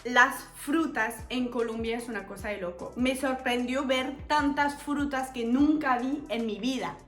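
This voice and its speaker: A woman's voice: on the high side, a little slow. A French woman in her twenties, a native French speaker, chatting casually to camera in a playful, giggly way as a vlogger. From France. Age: 20s. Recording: echoey room with faint music.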